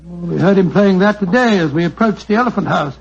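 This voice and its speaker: A man acting a flustered, loyal English gentleman doctor with a British accent and a blustering, exclamatory manner in a 1940s radio drama. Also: high voice, quick pace, creaky, husky, full character voice. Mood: curious, astonished. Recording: muffled, dull 1940s radio recording.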